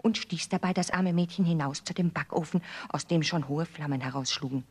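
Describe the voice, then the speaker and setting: A woman narrating a fairy tale in a measured, expressive storybook reading. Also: low voice, very noisy.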